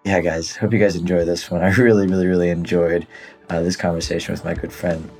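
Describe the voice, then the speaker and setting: A man's voice: sits low, little pitch movement, fast talker, a little mellow, soft background music. A man hosting a podcast, upbeat and enthusiastic, talking with a guest in an apartment. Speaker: podcast host. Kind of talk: casual podcast interview.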